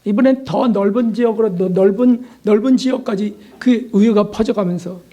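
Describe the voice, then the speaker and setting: An older man preaching a sermon as a pastor, earnest, asking his listeners questions and slipping into soft prayers. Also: high-pitched, normal speed.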